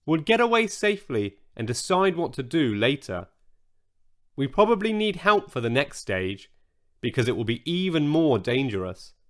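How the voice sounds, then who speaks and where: A man's voice: mid-range voice, sing-song, moderate pace, lightly acted. A man voicing a sensible young girl on a secret rescue in a children's story. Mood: earnest. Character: brave clever young girl, a witch.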